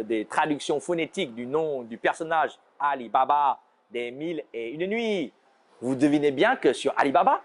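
Chinese-accented man, lively pitch. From China. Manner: playful, slows down to demonstrate pronunciations. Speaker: language teacher. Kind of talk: scripted explainer.

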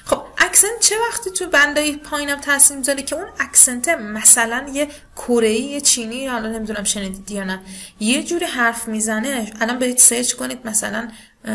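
Bright-voiced Persian-speaking woman teacher. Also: on the high side, creaky. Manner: explains in Persian, reads English descriptor lines slowly and deliberately. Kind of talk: recorded online lesson explaining scoring criteria.

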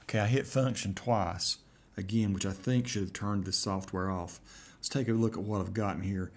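A middle-aged man with an Appalachian accent, talking casually and deliberately as he demonstrates software. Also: lowish voice, steady tone. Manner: deliberate, spelling out punctuation while dictating. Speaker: software reviewer. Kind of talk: dictation test with casual commentary. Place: room at home, indoors.

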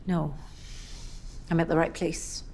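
A woman's voice: sits low, level tone, slow pace, dark tone, slight background noise. A woman playing a weary, frustrated middle-aged mother looking for work, blunt and frank, in a naturalistic drama. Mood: weary, downcast. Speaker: job seeker. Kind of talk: naturalistic screen drama acting.

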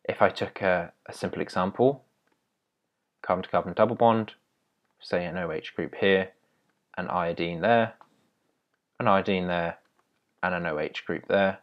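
A man's voice: low voice, a little slow, long pauses, muffled recording. A young man teaching chemistry step by step in a patient, explaining way, with small restarts. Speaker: chemistry tutor. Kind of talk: explaining at a whiteboard.

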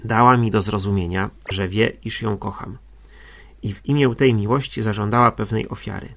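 A man reading an audiobook, voicing a meek, hesitant middle-aged gentleman who speaks in a subdued way. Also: lowish voice, steady tone, moderate pace, vocal fry.

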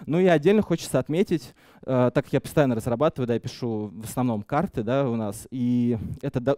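Young guy rattling off a tech talk on a headset mic, quick and casual, lots of uh's. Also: medium pitch, mellow, no echo. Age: young adult. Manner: fast, informal, many fillers and restarts. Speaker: conference speaker. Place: conference stage.

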